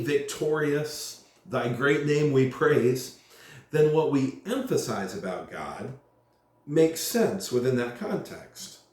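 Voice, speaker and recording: A male pastor speaking earnestly in a teaching way, slowing down to stress long lists. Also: medium pitch, darkish tone. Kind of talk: church announcement talk, sermon-like. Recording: very echoey room.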